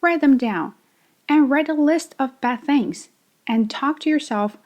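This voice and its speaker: Speaking a little slowly, the host of a podcast English lesson addresses her listener one-on-one as a coach. She illustrates intonation with wide shifts in pitch and volume.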